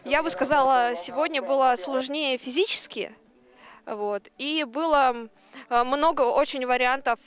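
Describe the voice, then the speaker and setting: A woman's voice: sits high, moderate pace. A young woman athlete talking after a race outdoors in the snow into a handheld mic, hesitant with many fillers. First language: Russian. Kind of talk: post-race interview. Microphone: handheld reporter mic.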